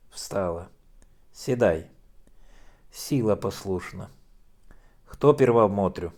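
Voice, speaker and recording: A man narrating an audiobook in a measured, dramatic way. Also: low-pitched, mellow.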